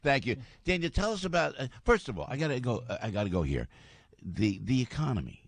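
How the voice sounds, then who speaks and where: A man's voice: medium pitch, fast, no room sound. An older man hosting a casual radio chat, joking and laughing often. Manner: animated, jokey, laughs often. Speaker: radio host.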